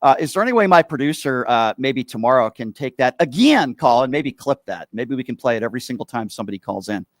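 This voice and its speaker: A man hosting a call-in radio show, relaxed and chatty, quick to laugh at himself. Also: mid-range voice, no room sound.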